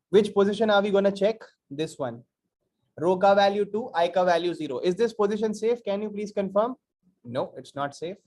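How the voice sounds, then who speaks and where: A man with a high voice and a North Indian accent teaches programming as if to a live class. He speaks emphatically, repeating himself and putting short rhetorical questions to his listeners as he works through each step. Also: darkish tone. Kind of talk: interactive live coding lecture.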